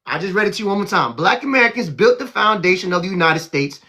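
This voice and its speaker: Brash, bright-voiced male host. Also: high voice, big pitch swings, fast talker. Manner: brash, mocking, profane, cuts callers off. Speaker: host of live call-in discussion. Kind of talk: heated live panel talk.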